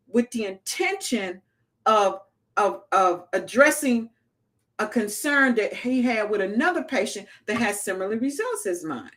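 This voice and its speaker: A woman with a mid-range voice delivers an informal pep talk to small business owners, spinning lively stories and performing the voices of whoever she quotes.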